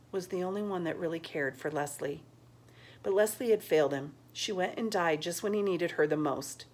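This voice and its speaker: A woman reads a novel aloud with an expressive, emotive delivery that swells with the story. Her voice sits somewhat low for a woman. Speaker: audiobook reader.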